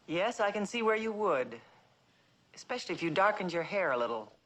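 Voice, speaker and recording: An actress playing a faded actress hired as a double, patient and mildly wry, in a 1960s television drama. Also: female voice, mid-range voice, big pitch swings, fairly quick, a bit bright, low-quality recording.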